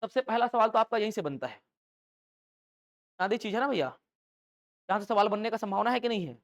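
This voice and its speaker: A male teacher delivering a live lecture to a room of students, pausing often to quiz them and draw answers back in chorus. His delivery swings between raised, emphatic questions and quieter asides as he explains the basics step by step. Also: high voice. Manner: call-and-response questioning, lively rhetorical checks. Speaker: English teacher for exam coaching. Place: classroom with students.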